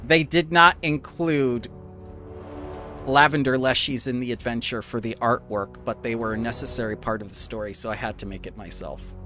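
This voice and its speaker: Guy running a tabletop game, bright lively voice, casual narrating, some music behind. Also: mid-range voice, moderate pace. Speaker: game master.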